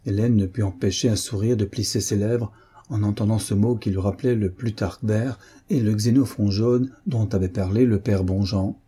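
Man narrating an audiobook, deep-ish voice, very mellow tone, husky, measured storytelling. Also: fairly even intonation. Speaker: audiobook reader. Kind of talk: scripted narration.

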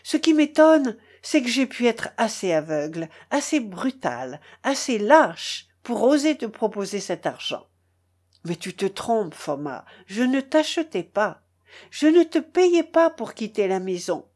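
Storybook role: eager-to-please male colonel begging forgiveness, read by a woman, animated delivery. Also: fairly high pitch, unhurried. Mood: pleading. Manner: pleading, effusive apologies.

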